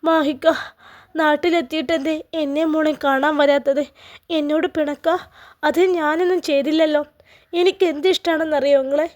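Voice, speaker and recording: Brief: heartbroken young wife, Malappuram accent, tearful, high voice, read by a woman storyteller. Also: fairly even intonation, normal speed, darkish tone, natural voice. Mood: pleading. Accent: Malappuram Malayalam. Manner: pleading, tearful. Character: grieving young wife waiting for husband.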